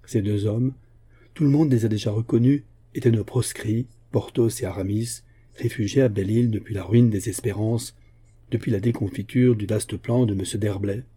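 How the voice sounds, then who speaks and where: A man reading a novel aloud in a steady, measured audiobook narration. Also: on the low side, husky. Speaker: audiobook reader.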